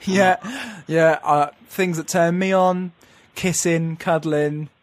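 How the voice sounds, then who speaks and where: Young male co-host, slightly high voice, dry close sound, deadpan comic chat. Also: slow pace, no room sound. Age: young adult. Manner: wry, deadpan, stumbling restarts. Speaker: podcast co-host. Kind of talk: casual comedic chat.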